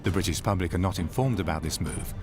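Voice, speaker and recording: A man reads documentary narration in a low, steady voice, measured and dramatic. Music plays clearly underneath him throughout. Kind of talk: scripted narration.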